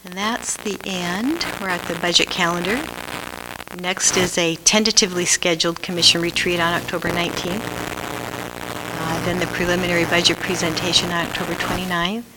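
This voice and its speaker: A woman's voice: on the low side, fairly even intonation, normal speed. A woman giving a formal budget report at a public meeting, reading out items and figures. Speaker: staff budget presenter. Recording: faintly noisy meeting room recording.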